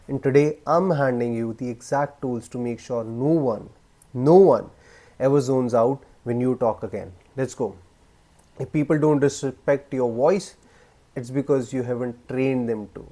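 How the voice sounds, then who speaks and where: A man coaching viewers on confident speaking, blunt and emphatic, with deliberate pauses. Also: mid-range voice, mellow. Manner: acts out weak speech examples in a raised, rising voice. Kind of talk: direct-to-camera coaching talk.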